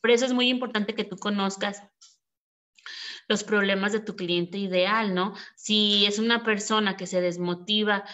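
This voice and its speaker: A woman's voice: medium pitch, fairly even intonation, moderate pace, a bit bright, highs cut off. A woman who teaches online marketing in a live screen-share tutorial. She chats casually and thinks aloud as she types. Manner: chatty, thinks aloud while typing. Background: keyboard typing and clicks.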